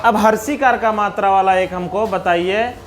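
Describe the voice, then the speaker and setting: A man's voice: sits high, moderate pace, background noise. A man with a Bihari accent teaching young children, patiently spelling out letters and sounds one by one. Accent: Bihari Hindi. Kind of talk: slow classroom explanation for young children.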